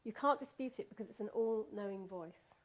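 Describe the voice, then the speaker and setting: A woman's voice: mid-range voice, brisk. A woman recounting a personal experience in casual spoken storytelling, laughing often and restarting her sentences.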